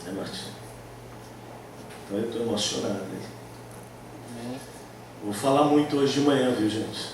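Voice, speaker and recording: Male pastor, joking storyteller, booming reverb, distant mic, noisy room. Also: unhurried, pauses often. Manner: warm, joking, personal storytelling. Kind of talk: sermon. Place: large church hall at a retreat. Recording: echoey hall, far from the mic, noisy.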